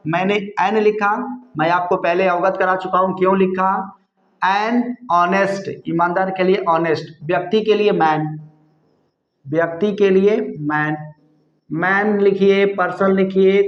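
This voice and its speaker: A man teaching English grammar in Hindi, explaining slowly and repeating himself, spelling words out letter by letter. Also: sits high, little pitch movement. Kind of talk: Hindi-language grammar lesson. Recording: echoey room, slightly dull sound.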